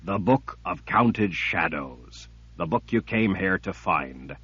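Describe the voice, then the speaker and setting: A man voicing a cruel, patient male emperor villain who speaks in a cold, deliberate, menacing way. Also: sits low, expressive, pushed and bright, breathy edge, no echo, exaggerated voice. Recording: dull lo-fi recording.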